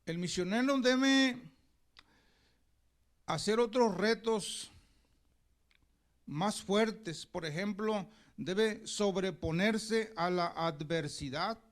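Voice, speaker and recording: A man's voice: high voice, extremely slow, long pauses. A pastor preaching a sermon, telling a story and calling the congregation brothers as he goes.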